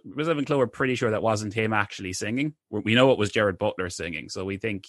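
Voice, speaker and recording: Man, low voice, casual podcast chat, hesitant restarts, dry close sound. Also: fast talker, a bit bright, no room sound. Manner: hesitant, many restarts and fillers. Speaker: podcast co-host. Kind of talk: casual film discussion.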